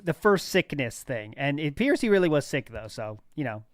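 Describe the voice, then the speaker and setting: A man's voice: a little high, very animated, fairly quick, dry recording. Laid-back male stream host, dry sound. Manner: laid-back, chuckling, reads out submitted messages. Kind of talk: casual chat.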